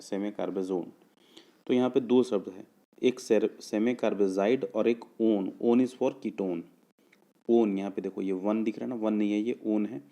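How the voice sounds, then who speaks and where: A man with a low, mellow voice teaches a chemistry lesson for exam preparation. He works through each step patiently, poses questions and answers them himself, and stretches out formulas piece by piece. He stops often to check whether the students have understood. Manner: explains step by step, often asks and answers his own questions; checks understanding with "clear?" and "okay".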